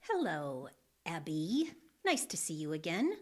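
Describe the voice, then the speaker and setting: A woman's voice: low voice, huge pitch swings, a little slow, full character voice. An actress playing a prim, offended female scriptwriter in a comedic audio drama, formal and self-important. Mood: prim indignation.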